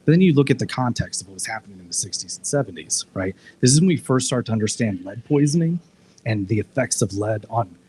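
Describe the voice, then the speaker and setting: A man's voice: on the low side, expressive, quick pace, dark tone, slight background noise, rough recording. Rambling man at a live discussion. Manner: rambling, with frequent restarts and filler words. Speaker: discussion panelist. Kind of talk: casual live discussion, retelling a TV episode. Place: live public discussion event, indoors.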